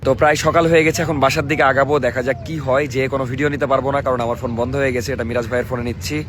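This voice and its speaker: A young Bangladeshi man speaks in a hoarse, mid-pitched voice. He talks quickly and casually, as if addressing vlog viewers and friends. There is faint street noise around him. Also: level tone, fairly bright tone. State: hoarse voice from a cold night out. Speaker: vlogger. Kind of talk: casual vlog narration and chat. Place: mostly outdoors at night and early morning.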